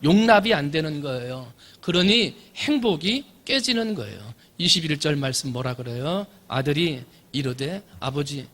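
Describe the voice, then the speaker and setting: A man who preaches a sermon in a church, telling stories dramatically and swinging from loud to soft. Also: fairly high pitch, very animated, normal speed, few pauses. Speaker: pastor. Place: church sanctuary.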